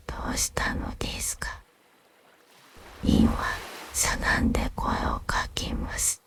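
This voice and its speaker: A woman narrating gentle fantasy stories in a soft, unvoiced ASMR whisper, soothing and unhurried. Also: extremely low pitch, vocal fry.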